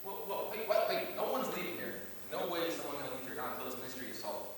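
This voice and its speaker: A man playing a flustered, bossy small-town police chief, calming a crowd in a comic stage murder mystery. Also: mid-range voice, fast talker, lightly acted. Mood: flustered, commanding. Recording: echoey hall, distant mic, faint noise.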